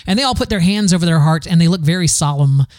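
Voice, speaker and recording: A man's voice: on the high side, quick pace, darkish tone, no echo, studio quality. A man from the American South hosting a podcast, talking in a candid, rambling solo monologue full of restarts. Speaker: podcast host.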